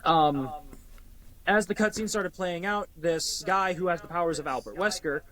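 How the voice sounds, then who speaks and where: A man co-hosting a casual podcast chat, talking in an animated, emphatic way and swearing freely. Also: sits high, moderate pace, poor audio. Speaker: podcast co-host.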